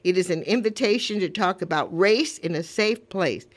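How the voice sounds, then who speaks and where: Een vrouw van in de tachtig, die als radiopresentatrice mededelingen doet en er oprecht en uitweidend bij praat. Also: female voice, fairly low pitch, normal speed. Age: 80s. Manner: earnest, rambling, conversational. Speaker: community radio host. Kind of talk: casual radio talk with announcements.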